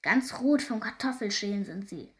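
A woman reading a storybook aloud, voicing a cheeky, stubborn little girl who talks back loudly. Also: mid-range voice, expressive, normal speed, close to an everyday voice. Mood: defiant. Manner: loud and stubborn.

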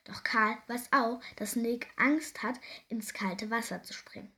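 A woman reading a children's story aloud, gentle and expressive, sometimes dropping to a soft whisper. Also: on the high side, unhurried.

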